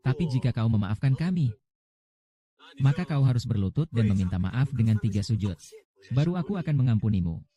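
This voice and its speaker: A man voices a dubbed short drama, reading every character's lines himself. His tone is very dark and mellow, and he keeps much the same voice from role to role. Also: mid-range voice, animated, a little fast.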